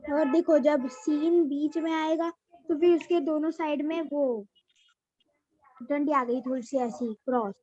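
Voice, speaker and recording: A woman with a high, bright-toned voice walks children through the alphabet, saying each letter again and again. The sound is dry and dull, like a low-fi home recording. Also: fairly even intonation, a little slow, no echo. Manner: patient, repeats each letter name. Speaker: teacher.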